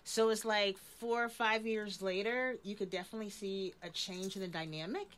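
A woman's voice: medium pitch, steady tone, normal speed, fairly bright tone, slight background noise. A woman in her forties hosting a casual interview, talking thoughtfully with many fillers and restarts. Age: 40s. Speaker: host.

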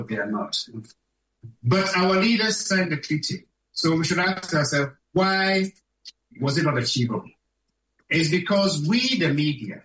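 A man's voice: on the high side, fairly bright tone. A man giving a public speech at a conference, emphatic and fond of rhetorical questions to the audience. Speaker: conference speaker. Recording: echoey room, distant from mic.

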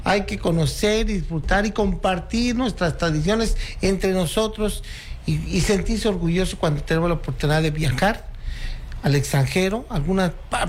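A man in his sixties from Oaxaca with a Mexican accent, telling stories and reciting verses as a guest on a chat show. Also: high voice. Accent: Mexican Spanish. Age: 60s. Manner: proud, storytelling, recites verses. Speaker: guest, cultural promoter. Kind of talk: casual radio chat.

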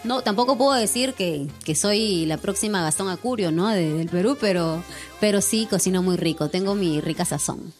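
A young Peruvian singer, born in Lima, chats as a guest in a casual interview, speaking with a Lima Spanish accent. Her mid-range, slightly mellow voice moves at a normal speed, and she laughs often and ends phrases with tag questions. Faint music plays behind her.

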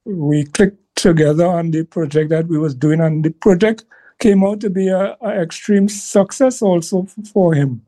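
A man with a Trinidadian accent shares his memories as a guest on a talk program. His tone is mellow and warm. He speaks slowly and earnestly, pausing between phrases. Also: a little high, fairly even intonation. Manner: slow, earnest storytelling. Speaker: guest musician. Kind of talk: reminiscing interview answer.

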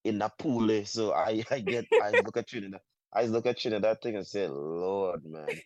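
Deep-voiced Guyanese man, halting. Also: no room sound. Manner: halting, many restarts, drawn-out phrases. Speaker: soca artist. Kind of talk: casual interview. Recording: dull, muffled sound.

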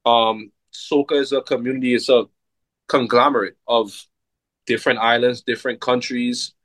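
A man, a soca artist chatting casually in an interview, relaxed and full of fillers. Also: medium pitch, normal speed, dry recording, low-quality recording. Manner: relaxed, laid-back, many fillers like "like" and "you know what I mean".

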